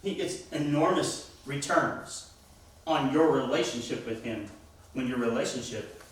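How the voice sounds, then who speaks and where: A church teacher with a mid-range voice leads a Bible class at a slightly slow pace, speaking emphatically and quizzing the class. He sounds far from the mic in an echoey room.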